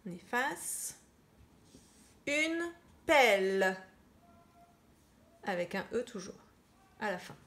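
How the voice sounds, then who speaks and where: A woman teacher giving children a slow spelling dictation, repeating each word and spelling it out. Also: medium pitch, lively intonation, a bit bright. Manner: slow, deliberate, spells out words and repeats them. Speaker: primary school teacher.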